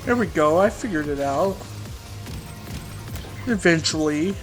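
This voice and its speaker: A man's voice: a little high, lively intonation, measured pace. A man giving casual, rambling let's play commentary in informal, sweary language. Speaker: gamer commentating a playthrough. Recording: voice-over with game music and gunfire. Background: game music and gunfire.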